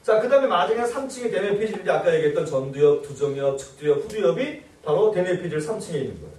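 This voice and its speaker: A man, a pastor, giving a lively church seminar and acting out nagging quotes in shrill voices. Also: fast, reverberant, distant mic. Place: church hall.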